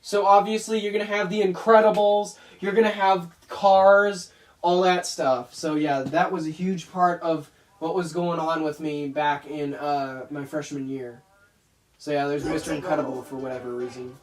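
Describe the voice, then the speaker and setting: A man's voice: fairly high pitch, fairly even intonation, moderate pace. Rambling young man reacting with laughs. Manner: laughing, rambling, self-mocking. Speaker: YouTube animator reacting to his old videos. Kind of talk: casual reaction commentary.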